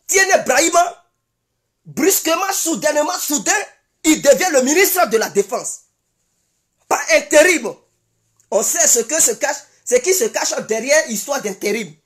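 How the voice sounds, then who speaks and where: An Ivorian woman delivers a fiery political commentary straight to her viewers. Her high voice rises and falls dramatically as she hammers home the same insistent declarations again and again. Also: fairly bright tone. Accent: Ivorian French. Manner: emphatic, repeats insistent declarations. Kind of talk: impassioned political commentary monologue.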